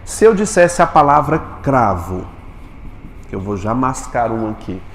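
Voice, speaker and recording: A male teacher giving a Portuguese lesson in a classroom, quizzing his students with quick questions. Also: mid-range voice, big pitch swings, echoey room, big-room sound, slight background noise.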